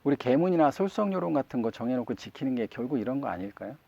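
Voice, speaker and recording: A man's voice: medium pitch, sing-song, quick pace, gravelly, dark tone. A man, a Won Buddhist minister, giving a conversational sermon and asking his listeners questions. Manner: conversational, asks the congregation questions. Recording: muffled dry recording.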